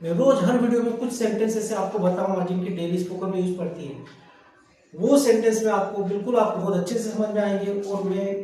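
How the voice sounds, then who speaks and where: A man with a fairly high voice teaches a grammar lesson, spelling each word out and saying it over and over. He asks his students questions and then answers them himself. He sounds set back from the mic in a strongly echoing room. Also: a little fast, warm tone. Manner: spells words letter by letter and repeats them. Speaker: English teacher. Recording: very echoey room heard from a distance.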